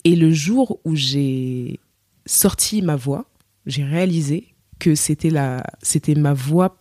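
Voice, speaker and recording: A woman's voice: low-pitched, slow pace, mellow, no echo, clean studio sound. A woman from Cameroon, a singer, telling her story in a casual interview and acting out the voices she quotes. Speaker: singer, podcast guest.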